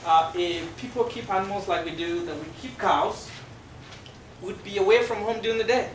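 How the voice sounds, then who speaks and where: A middle-aged man from South Sudan with a South Sudanese accent and Dinka as his first language, giving a halting, explanatory classroom presentation full of fillers. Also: high-pitched. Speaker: guest speaker. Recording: echoey room from far off, noisy.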